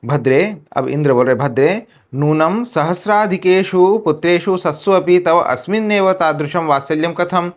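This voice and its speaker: Slow, deliberate Indian male teacher. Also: on the high side. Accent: Indian Hindi. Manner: reads a Sanskrit line, then restates it several ways in Hindi. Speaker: Sanskrit teacher. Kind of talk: line-by-line textbook explanation.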